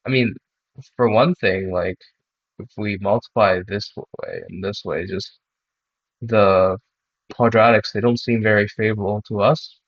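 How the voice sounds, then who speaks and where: A young man with a low, flat voice talks through a math solution while he is sick. He hesitates often and restarts his sentences. The recording is dull and dry, with no room sound. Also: unhurried, dry recording. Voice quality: monotone. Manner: hesitant, many ums and restarts. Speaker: math club student presenter. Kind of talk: walking through a math problem.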